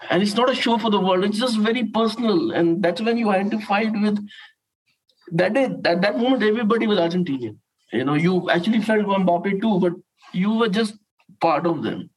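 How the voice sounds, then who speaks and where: A man talking through football memories in a halting, heartfelt way, with many restarts and fillers. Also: sits high, lively intonation, husky, rough recording. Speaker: guest football commentator. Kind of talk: emotional conversational recollection.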